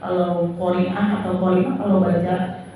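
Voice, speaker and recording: A woman's voice: on the low side, flat delivery, unhurried, dark tone, slight background noise. A woman teaching Quran recitation to a group of women, patiently demonstrating each verse and explaining the rules. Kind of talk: tajwid lesson to women. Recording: echoey room, far from mic.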